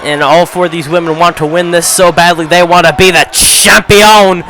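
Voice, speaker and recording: A man calling a video game wrestling match play-by-play, often shouting, his voice going hoarse. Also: high-pitched, fairly even intonation, normal speed, soft background music. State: losing his voice. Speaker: play-by-play commentator. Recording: crowd noise and game sound behind.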